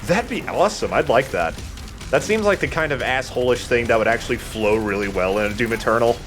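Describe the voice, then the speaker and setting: Over soft background music, a man plays a video game and riffs with friends, joking, cursing and voicing his thoughts as a let's player. He sounds animated and brisk, medium in pitch and a bit bright.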